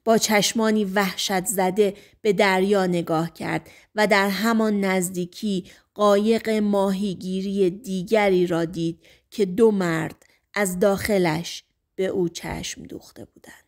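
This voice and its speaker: A woman narrating an audiobook in a scripted, dramatic reading. Her voice sits at a mid pitch. She drops almost to a whisper at tense moments. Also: steady tone.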